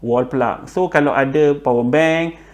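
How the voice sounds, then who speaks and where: A presenter with a Malaysian accent and a fairly high voice gives buying tips informally and without a script. He speaks haltingly, pausing on filler words, repeating himself often, and code-switching with English words.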